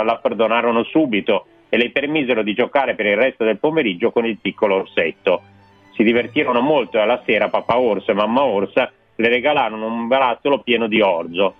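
A man reading a children's fairy tale aloud on a radio show, in a slow, expressive storyteller's manner. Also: on the low side, dry recording. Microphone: studio microphone. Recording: dry, tinny radio broadcast with faint music.

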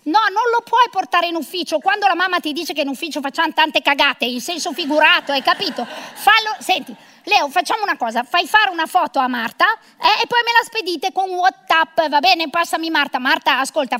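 A woman's voice: very high-pitched, sharp tone. A middle-aged woman performing a comic monologue of phone calls as a bossy, sarcastic career mother.

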